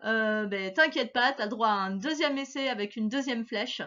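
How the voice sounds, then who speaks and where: A woman's voice: a little high, moderate pace, pushed and bright, highs cut off. A woman teacher giving a recorded phonics lesson to a child, patient and encouraging, stressing each sound.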